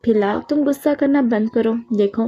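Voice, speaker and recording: A woman's voice: a little high, normal speed, dark tone, breathy edge. A woman voicing an affectionate father who teases his little son playfully. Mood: soothing. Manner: playful, teasing. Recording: dull lo-fi audio with faint music.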